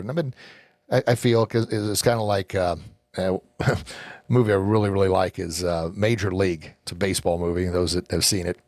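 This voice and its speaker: A man's voice: on the low side, no room sound, studio quality. A middle-aged man hosting a motivational podcast, speaking earnestly, rambling and often repeating words as he starts a sentence. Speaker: podcast host and hockey coach.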